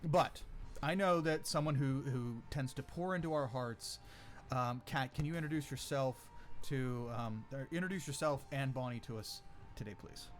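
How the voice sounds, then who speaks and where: A man's voice: mid-range voice, normal speed. A man casually hosting a tabletop game stream as game master, rambling and making punning segues between players. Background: music.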